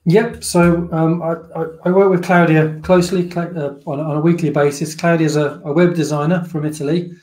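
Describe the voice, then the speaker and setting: A British man co-hosts a podcast, chatting casually and telling anecdotes with frequent restarts. His voice is a little high and a little mellow, and he speaks in a flat way at normal speed with hardly any pauses.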